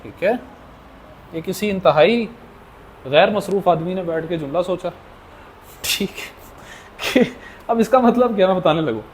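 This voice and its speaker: A man's voice: high-pitched, lively intonation, a little slow, long pauses, a little hiss or hum. A man teaching a language class as the lecturer. He repeats questions back to his students and drills the answers. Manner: addresses the class as children. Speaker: Arabic teacher.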